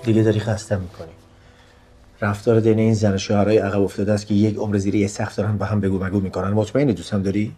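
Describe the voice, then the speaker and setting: A man's voice: lowish voice, level tone, dark tone, husky, faint music behind. An actor playing a young man who coldly brushes off his cousin's feelings, speaking in a curt, dismissive way. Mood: weary. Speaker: actor in a TV drama. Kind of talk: TV drama acting.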